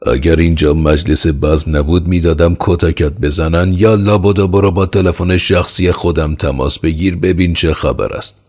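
A man's voice: rumbling low, lively intonation, creaky, voice pushed up, heavily acted. A man voicing a panicked, irritable king in an audiobook, anxiously barking questions and orders. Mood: angry. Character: panicked, irritable middle-aged Qajar king. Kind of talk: audiobook character voice.

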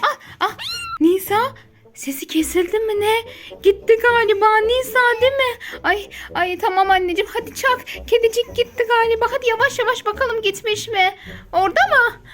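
A woman's voice: very high-pitched, normal speed, a bit bright. A woman playing a mother in toy role-play for children, with exaggerated, playful gasps of fear. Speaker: mother playing with her daughter on a kids' channel.

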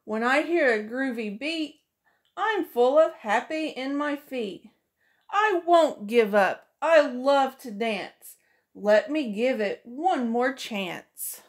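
Recorded up close in a small room, this high-pitched reader moves slowly with lively intonation. She is a middle-aged woman who teaches preschool, sing-songing a picture book to children and voicing every character.

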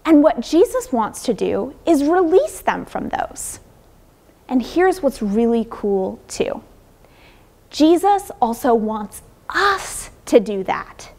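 High, unhurried woman pastor for children. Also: big pitch swings. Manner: gentle, storytelling, speaking to children; moving around, gesturing with props. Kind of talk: children's sermon. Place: large church sanctuary, indoors. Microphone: far camera.

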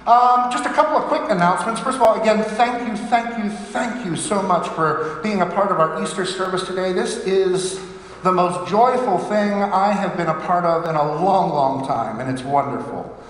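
A man's voice: sits high, normal speed. A man from Pittsburgh with a Pittsburgh accent, a priest leading prayers and giving chatty, self-deprecating announcements full of fillers in a church. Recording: echoey church with long reverb.

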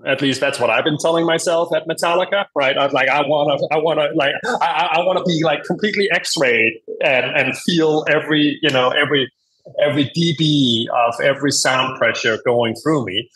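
In a low-quality recording, a hearing aid company executive from Denmark, a native Danish speaker, talks as a podcast guest. His voice is on the high side and a bit bright, fairly quick, and his casual explanations are emphatic and informal, frequently punctuated with "right?"

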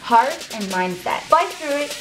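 A woman's voice: high voice, lively intonation, unhurried. A woman talking through her weekly meal prep in a home kitchen, bubbly and playful with cutesy pet words. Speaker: weight-loss vlogger. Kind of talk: casual cooking and meal-prep talk.

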